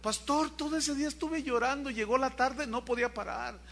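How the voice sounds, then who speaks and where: A man's voice: extremely high pitch, a little fast, a bit bright, pitched above the performer's own voice, heavily acted. A pastor re-enacting a tearful middle-aged churchwoman who speaks earnestly and emotionally.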